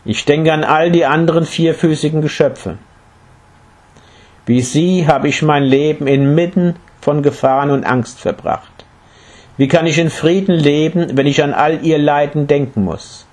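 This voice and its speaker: A man's voice: a little high, darkish tone, voice pushed up, lightly acted. A man voicing a noble, selfless male king of the deer in a read-aloud fable, earnest and pleading. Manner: earnest, pleading, slow and solemn. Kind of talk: storybook reading.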